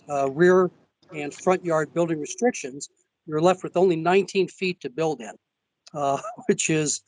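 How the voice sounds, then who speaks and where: A man presenting as an architect to a zoning board over a remote call connection that breaks up, speaking haltingly with many fillers. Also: a little high, rough recording. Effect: remote call audio, breaking up.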